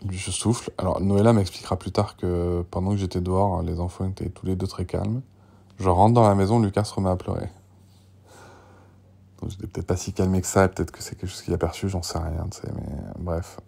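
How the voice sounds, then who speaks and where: A man in his thirties talks through a candid audio diary in a low, gravelly, dark-toned voice. He rambles with frequent restarts and filler, and at times sinks into a breathy whisper. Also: level tone, brisk. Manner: rambling and emotional, with many restarts and "tu vois"; drops to a breathy whisper at tense moments. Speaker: father recording a personal audio diary.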